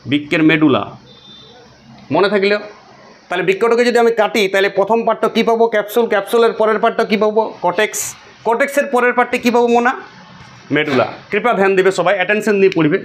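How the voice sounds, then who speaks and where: A man teaching biology to a class, drilling his students with repeated questions and answers in an insistent way. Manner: quick, high-pitched and insistent.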